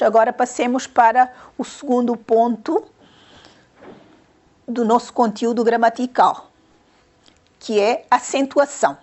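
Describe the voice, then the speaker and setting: A woman teacher giving a grammar lesson to young pupils, patiently repeating questions and counting syllables aloud. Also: on the high side.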